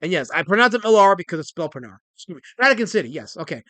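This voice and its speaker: A man in his forties hosting a casual livestream, excitable and rambling as he reads chat messages aloud. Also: high-pitched, racing, dry recording. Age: 40s. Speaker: livestream host.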